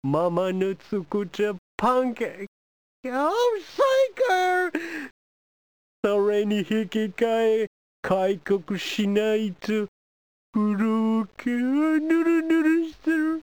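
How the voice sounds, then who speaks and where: A pushy foreign envoy, as a comedian puts him on, badgering and teasing the crowd with a stream of questions. The voice leaps up and down in pitch while the words come slowly and deliberately. It is recorded close and dry, with no room sound. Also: sing-song, no echo. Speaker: stand-up comedian. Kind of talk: comic character monologue.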